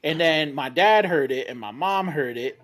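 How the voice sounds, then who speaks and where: Casting: man, 30s, podcast panelist, a bit high voice, animated and profane storyteller. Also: moderate pace. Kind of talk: casual storytelling chat.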